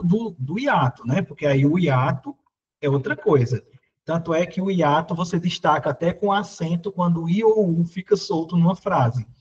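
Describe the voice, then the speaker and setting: A man's voice: sits high, breathy edge, muffled recording. A man with a Brazilian Portuguese accent teaching an exam prep class, working through questions and talking straight to his students. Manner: talks to students directly, pointing at the board, asks "né?" often. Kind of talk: live online class solving exam questions.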